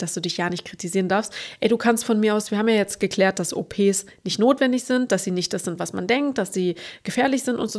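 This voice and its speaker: A young woman chatting casually to camera as a beauty vlogger, talking in an animated way and often asking the viewer what they think. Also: mid-range voice.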